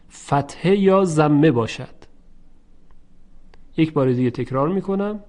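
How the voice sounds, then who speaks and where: A man teaching a recitation lesson, stretching out example words slowly and explaining briskly in between. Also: fairly high pitch, a little mellow.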